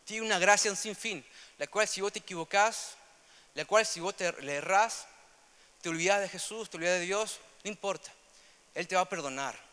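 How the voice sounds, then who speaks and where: Young Rioplatense preacher, bright and high. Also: male voice, clean tone. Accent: Rioplatense Spanish. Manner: earnest, repetitive, swings between loud emphasis and soft asides. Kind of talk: sermon. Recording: long hall reverb.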